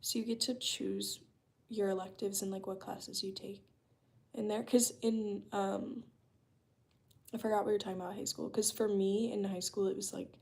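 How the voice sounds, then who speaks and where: Her voice is medium in pitch with vocal fry and a darkish tone. She's an early-twenties vlogger from the United States, casually talking to her live chat while working remotely from home, using plenty of "um" and "like".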